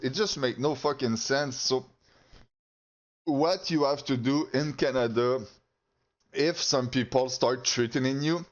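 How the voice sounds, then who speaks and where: A man telling a story in a heated, profane rant, halting often and restarting his sentences. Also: mid-range voice. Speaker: channel host. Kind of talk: casual rant to camera. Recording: slightly dull lo-fi audio.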